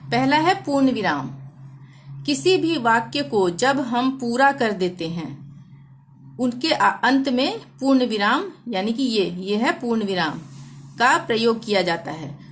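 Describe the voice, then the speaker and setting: A woman teaching a Hindi grammar lesson, reading example sentences slowly and deliberately. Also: a little high, animated, a little hiss or hum.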